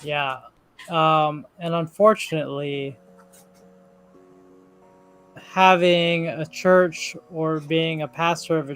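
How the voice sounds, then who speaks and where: A man co-hosting a podcast, giving casual, encouraging advice with many "um"s. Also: fairly high pitch. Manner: easygoing, filler-heavy, encouraging. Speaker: co-host.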